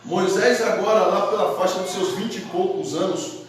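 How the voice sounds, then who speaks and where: Male pastor, lively colloquial storytelling sermon, voice on the high side, distant and very echoey. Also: normal speed. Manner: lively, colloquial, acts out characters. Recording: very echoey hall, from far off.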